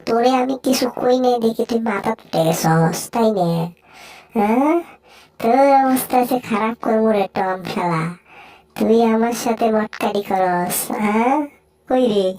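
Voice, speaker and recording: A performer voicing a grumpy, scheming male house cat in a homemade cartoon dub, gruff and threatening. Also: medium pitch, unhurried, a little mellow, pitched below the performer's own voice, lightly acted. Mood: grumbling. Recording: recorded from a distance.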